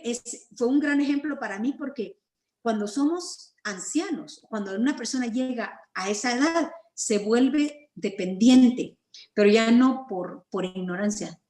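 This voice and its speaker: A woman's voice: on the high side, unhurried, a little mellow, roomy sound. Woman preaching a Bible study on a video call. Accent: Guatemalan Spanish. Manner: earnest teaching with personal stories, frequent throat clearing.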